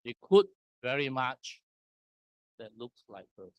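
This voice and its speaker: Slow, measured man from Singapore. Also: mid-range voice, very animated, no echo. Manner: slow and deliberate, pausing between short phrases. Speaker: conference speaker. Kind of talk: conference presentation walking through slides. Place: conference hall.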